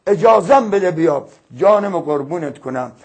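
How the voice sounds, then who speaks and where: A man's voice: a little high, animated, slightly rough. A man voicing an earnest king who is a new convert, pleading in a recited religious tale.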